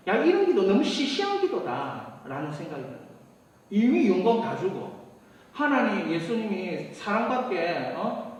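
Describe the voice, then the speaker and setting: A high, lively male voice, preaching in a loose, chatty way that swings between loud bursts and quiet asides. His words ring through a long church reverb, picked up from some distance. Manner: animated, conversational preaching with laughs and asides. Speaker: pastor. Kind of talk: sermon. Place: church sanctuary.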